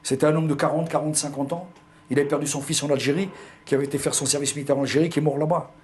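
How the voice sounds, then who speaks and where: Speaking rapid-fire with fairly even intonation, this older pied-noir man from Algeria shares his memories during an interview, often hesitating and repeating himself. His slightly high, somewhat mellow voice comes with a bit of background noise.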